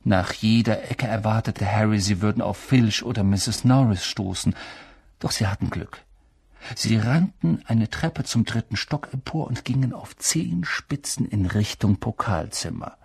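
A man narrating an audiobook in an expressive storytelling manner. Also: fairly low pitch, a little slow, gravelly, slightly rough, no echo, clean studio sound. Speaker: audiobook reader.

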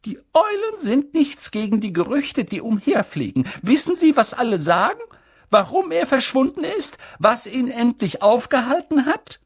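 A reader voicing a stern older female professor, speaking high, strained and urgent in an audiobook. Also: very animated, moderate pace, slightly rough. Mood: insistent. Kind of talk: audiobook character reading.

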